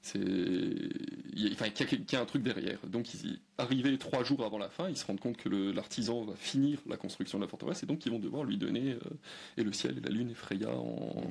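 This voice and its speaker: A man, a guest on a podcast, explaining old myths in a relaxed chat, hesitant, with many fillers and restarts. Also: mid-range voice, brisk, creaky, breathy edge. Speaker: guest historian. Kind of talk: conversational explanation.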